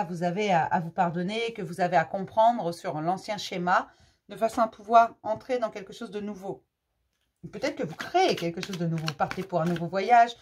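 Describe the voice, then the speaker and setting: A woman's voice: medium pitch, a little mellow, slight background noise. A woman giving a casual spoken card reading as host, talking directly to listeners in an informal, reassuring way.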